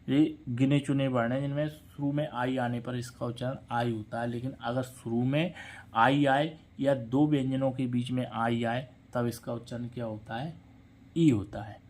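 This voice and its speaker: A man teaching English pronunciation. He talks patiently, repeats each word and spells it out letter by letter. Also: medium pitch. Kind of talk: spelling lesson, letters read out slowly.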